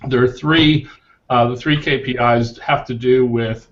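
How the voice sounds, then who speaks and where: A mid-pitched man reports to a committee over a conference call. He explains points steadily and in an organised way, and the lo-fi call audio is muffled. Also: fairly even intonation, unhurried. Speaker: working group lead. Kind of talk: giving a meeting report.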